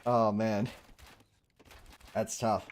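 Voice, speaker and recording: A man's voice: fairly low pitch, level tone, very slow. A man casting a live strategy game match, chatty, laughing easily and talking to his chat. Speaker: esports commentator.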